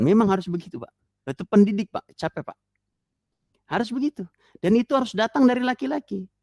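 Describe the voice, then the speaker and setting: Low gravelly guy preaching to parents, dry close sound, leaps way up when he gets going. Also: no room sound. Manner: animated, jumps to high pitch for emphasis and mimicry. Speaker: Islamic preacher. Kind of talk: sermon to parents. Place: lecture hall.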